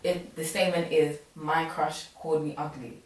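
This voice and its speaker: A teenage girl brings up the topic briskly and tells stories with energy. Her voice is quite low for a girl, and it is caught by a distant mic in a very echoey room. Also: flat delivery, background noise. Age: teens. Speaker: panel presenter. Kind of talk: casual panel discussion.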